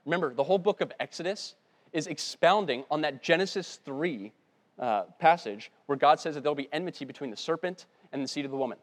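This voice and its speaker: A man preaching a sermon, earnest, often dropping to a soft, low voice to stress a point. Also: lively intonation, fairly quick. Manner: earnest, drops to a hushed low voice for emphasis. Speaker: pastor.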